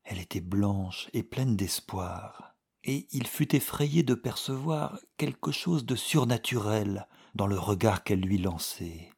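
A man narrating a story as an audiobook reading, with grave, measured storytelling. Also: on the low side, animated, gravelly, a little mellow, breathy edge.

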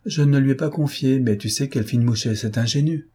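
A man voicing a proud, earnest noblewoman in a storybook reading, with a husky tone. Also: mid-range voice, brisk, warm tone, pitched above the performer's own voice, natural voice.

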